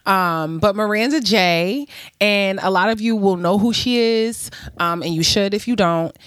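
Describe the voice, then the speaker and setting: A woman's voice: medium pitch, a little slow, a bit bright, clear, resonant tone, no echo, clean studio sound. An American woman hosting a casual interview show, with a slight lisp from wearing retainers. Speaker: podcast host. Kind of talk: casual conversational interview talk.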